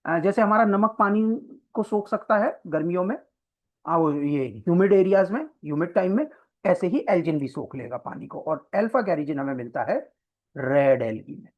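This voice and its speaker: The voice is medium-pitched and animated, at normal speed. It belongs to a coaching teacher giving an exam-prep biology class, explaining step by step, often checking in with students and blending English terms into Hindi, captured in slightly dull lo-fi audio.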